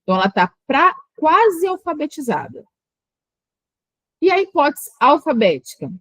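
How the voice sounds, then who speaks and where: A very animated woman with a fairly high, fairly bright voice teaches an online exam-prep lesson. She patiently breaks words down into slow syllables, and the audio is close and echo-free.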